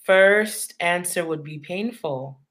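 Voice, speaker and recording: A woman's voice: on the low side, slow, fairly bright tone. A woman from Long Island, New York, speaking candidly and reflectively as an interview guest, laughing easily.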